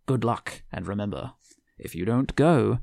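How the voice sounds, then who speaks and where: Ominous game-show organiser read by a man, slow measured announcement, low voice, gravelly. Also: darkish tone, no echo, studio quality. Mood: menacing.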